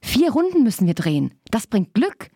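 A woman's voice: on the high side, very animated, moderate pace, slightly rough, no echo, clean studio sound, pitched above the performer's own voice, heavily acted. A woman reading the lines of a cheerful, pious father in a novel excerpt. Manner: brightly urging.

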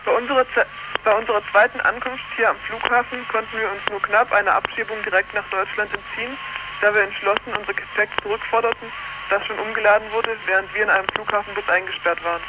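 Over a poor long-distance phone line thick with background noise, a woman from an activist delegation reads a prepared statement. Her mid-range voice keeps a steady tone and a quick pace, though she trips over words here and there.

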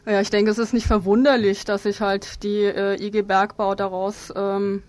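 A woman being interviewed as an activist guest, explaining her position in a halting, spontaneous way with frequent ums. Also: medium pitch, little pitch movement, darkish tone.

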